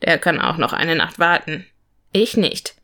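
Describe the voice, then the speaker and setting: A woman voicing an affectionate, teasing young male dark mage in a storybook, speaking in a soft murmur. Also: low voice, animated, a little slow, pitched below the performer's own voice, full character voice.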